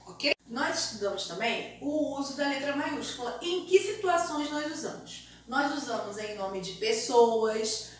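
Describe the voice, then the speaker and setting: Brazilian woman teacher, high voice, distant mic with faint hiss, sing-song pace for young kids. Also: a bit bright. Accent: Brazilian Portuguese. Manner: slow, deliberate, sing-song explaining to young children. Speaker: primary school teacher. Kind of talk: remote primary school lesson. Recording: very echoey room, mic far off, faint hiss.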